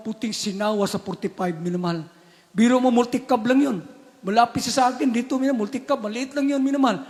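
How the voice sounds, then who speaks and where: A Filipino man preaching a testimony sermon, who keeps repeating a refrain and moves from hushed storytelling to shouted exclamations. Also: sits high. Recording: church hall reverb.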